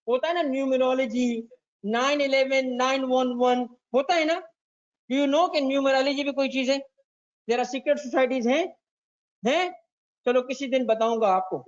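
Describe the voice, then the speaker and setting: A Pakistani man teaching a tax class, quizzing students by name and repeating key points. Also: very high voice. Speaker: tax lecturer. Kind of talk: classroom lecture mixing Urdu and English. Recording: dull lo-fi lecture recording.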